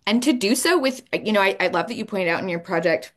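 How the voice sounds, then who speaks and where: A woman's voice: medium pitch, animated, fast talker, a bit bright. A woman academic moderating a panel discussion, thoughtful and conversational with casual fillers.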